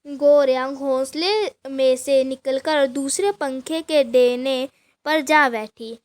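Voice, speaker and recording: Woman teacher, high voice, unhurried, reads a passage then unpacks it line by line, many restarts. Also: steady tone. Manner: reads a passage aloud, then explains each line in simple words; frequent restarts and filler sounds. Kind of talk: explaining a textbook lesson.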